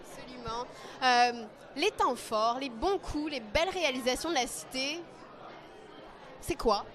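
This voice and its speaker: A woman asking brisk, polite questions as an event interviewer at a gala. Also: sits high, animated. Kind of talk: red-carpet interview questions. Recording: busy crowd at a gala.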